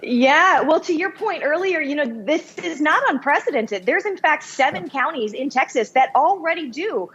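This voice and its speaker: A woman working as a news correspondent, delivering a scripted report in a brisk, upbeat manner. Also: sits high, animated, a bit bright, lo-fi sound, slight background noise.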